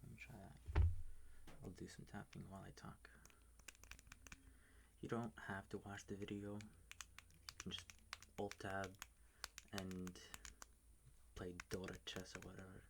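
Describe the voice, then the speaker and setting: Low-voiced man, late-night whispered ASMR rant, swears freely, faint tapping noise behind. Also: level tone, measured pace, gravelly, pauses often. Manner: whispering, ranting, swears often. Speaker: ASMR video maker. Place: bedroom at home at night. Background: faint keyboard tapping and clicks.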